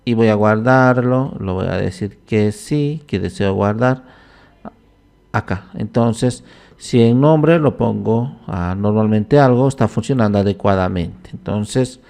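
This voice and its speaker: A man walking through a computer program in a screen-recorded tutorial, talking his steps aloud in an unhurried way and often pausing on "entonces". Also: lowish voice, creaky, darkish tone. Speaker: software instructor.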